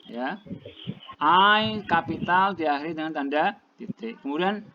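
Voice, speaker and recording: A man lectures a classroom, his voice sitting a little high as he explains slowly and repeats each point in translation. The recording is dull and lo-fi, with clear noise running under his voice. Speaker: English teacher. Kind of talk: classroom lecture, mixing languages.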